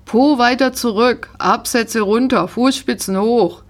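A woman voicing a friendly, firm male riding instructor in a storybook, calmly giving commands. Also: fairly high pitch, measured pace, voice pushed up. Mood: instructing.

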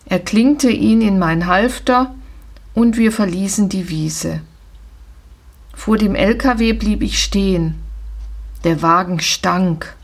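A woman narrating a children's story in the first person in a calm, measured way. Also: mid-range voice. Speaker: audiobook reader.

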